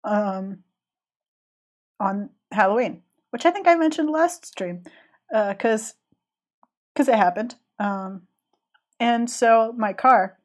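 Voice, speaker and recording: A woman's voice: a little high, takes it slowly, long pauses. Sex: woman. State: has a cold. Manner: rambling. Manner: rambling, chatty, many restarts and fillers. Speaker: live-streaming illustrator. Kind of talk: casual chat while drawing.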